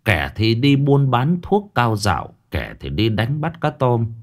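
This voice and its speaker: A male storyteller narrates a spooky folk tale. His delivery is dramatic and very animated, the pitch rising and falling constantly. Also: a little slow.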